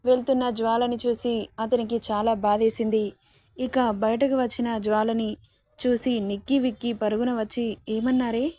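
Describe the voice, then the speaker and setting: A woman who hosts her own channel and narrates a serial story with calm, steady storytelling. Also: fairly high pitch, normal speed, no echo.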